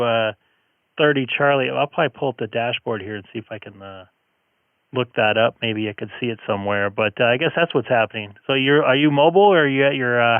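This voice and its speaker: A man's voice: mid-range voice, smooth, no echo. A man, a chatty ham radio operator rambling with fillers over a narrow AM-style radio link. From United States. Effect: heard over a narrow AM-style radio link. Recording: tinny lo-fi radio audio.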